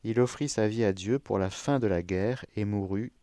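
Soft-spoken priest hosting call-in radio. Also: male voice, on the low side, dry recording, clean studio sound. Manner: measured, softly prayerful, chuckling with callers.

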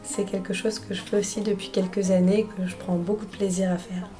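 A woman musician answering interview questions in a calm, articulate, measured way. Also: mid-range voice, music in the background.

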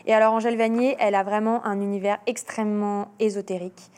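A woman, an author and illustrator, talking in an interview, animated and hesitant, often restarting her sentences. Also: mid-range voice, quick pace. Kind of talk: interview talk.

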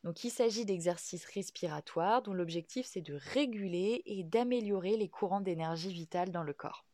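Calm woman explaining yoga, dry close mic. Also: fairly low pitch, no room sound. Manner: calm, measured, with frequent "euh" and "donc". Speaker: podcast host, yoga teacher. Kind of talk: explanatory podcast monologue.

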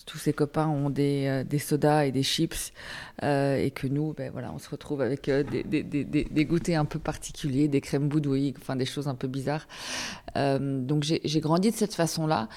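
A woman's voice: low voice, dark tone. A woman in her forties, a podcast guest, answering casually with hesitation, restarts and short laughs. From born in the United States, raised between Geneva and Paris. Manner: hesitant, many fillers and restarts, laughs between thoughts.

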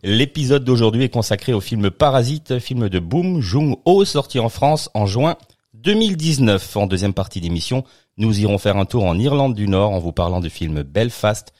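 A man's voice: lowish voice, a little mellow, no echo, studio quality. A man hosting a film podcast, introducing the episode in a casual, joking way with frequent hesitations. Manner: jokey, hesitant with frequent fillers. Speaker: podcast host.

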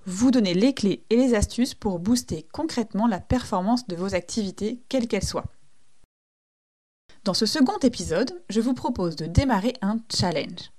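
A woman's voice: medium pitch, darkish tone. Woman podcast host, friendly explainer, natural chatty delivery with fillers.

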